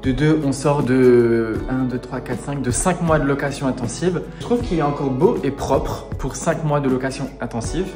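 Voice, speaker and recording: Music plays in the background as a renovation vlogger walks a camera through the apartment he's working on. His mid-range voice moves at normal speed with few pauses, explaining things casually as he goes.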